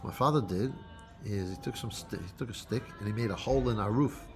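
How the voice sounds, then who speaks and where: A man with a fairly low voice gives an unscripted holiday talk as a rabbi. He stops and restarts often. Faint music plays underneath. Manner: unscripted, halting, with many restarts.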